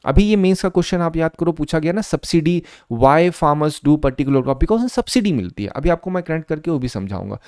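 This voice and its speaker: A man gives an exam prep lesson in a smooth, resonant voice pitched a little high. He explains step by step and keeps quizzing his students, and he reads English exam questions out slowly. The sound is dry and close. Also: animated, darkish tone, no echo. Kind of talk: lecture.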